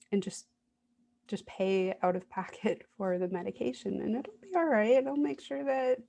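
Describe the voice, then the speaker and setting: A woman giving a reflective, self-guided therapy demonstration, speaking in a gentle, soothing way with hesitant pauses. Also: mid-range voice, gravelly. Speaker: IFS parts work demonstrator.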